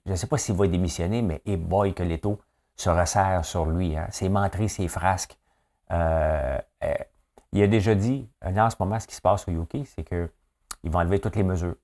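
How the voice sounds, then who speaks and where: A man's voice: low voice, a little mellow. A man with a Québécois accent hosting a casual news commentary, blunt and opinionated with a joking edge. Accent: Québécois French. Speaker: host of a daily news chat.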